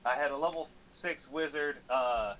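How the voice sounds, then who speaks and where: Speaking at a moderate pace in a mid-range voice, a man casually recaps a tabletop game from a player's perspective, cursing lightly along the way. Steady background noise is audible throughout.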